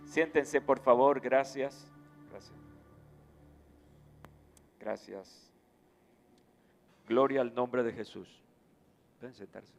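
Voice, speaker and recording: Slow, deliberate male pastor preaching. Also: mid-range voice, vocal fry, faint music behind. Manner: slow, deliberate preaching with call-and-response to the congregation. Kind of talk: sermon. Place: church sanctuary.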